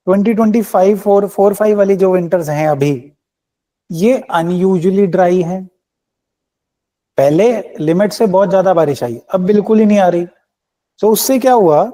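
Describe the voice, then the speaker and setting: A man's voice: high-pitched, mellow. A man teaching a current-affairs class for exam students, mixing English phrases into his explanations and often checking in with rhetorical questions. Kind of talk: Hinglish current-affairs lecture.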